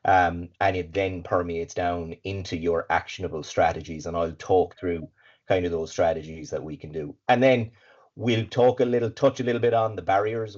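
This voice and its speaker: Presenting a webinar over a video call, an Irish male guest speaker who consults on supply chains sounds low, raspy, and dark, with congestion from hay fever. The call audio is muffled and lo-fi, but his delivery stays upbeat and fluent, peppered with fillers and repetitions.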